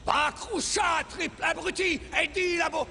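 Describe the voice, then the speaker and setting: An actor in a cartoon dub playing an irritable, blustering villain who rants and gives orders. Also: male voice, very high-pitched, expressive, measured pace, noisy background, exaggerated voice. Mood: exasperated, commanding. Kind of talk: animated series dub. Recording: loud music under the voice.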